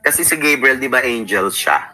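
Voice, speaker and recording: A man's voice: mid-range voice, lively intonation, brisk, bright, forceful tone, low-quality recording. A man in his thirties with a Filipino accent, telling his life story in a casual chat. He sounds sleepy and keeps quoting what he and others said. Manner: storytelling, mixes Tagalog and English, quotes himself often. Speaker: interview guest.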